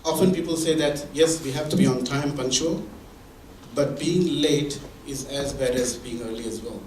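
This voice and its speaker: A man's voice: mid-range voice, moderate pace, a little mellow, slight background noise. A man giving a conversational talk at a mentoring event, explaining with examples and frequent restarts. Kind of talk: conversational presentation. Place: meeting room or hall. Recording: echoey room from far off.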